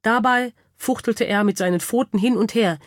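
A woman narrating a children's audiobook with lively, expressive storytelling. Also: on the high side, moderate pace, no echo, clean studio sound.

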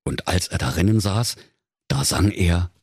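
A man narrating a comic fairy tale in a lively, playful storytelling manner, with a husky voice. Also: low-pitched, unhurried, no room sound, studio quality.

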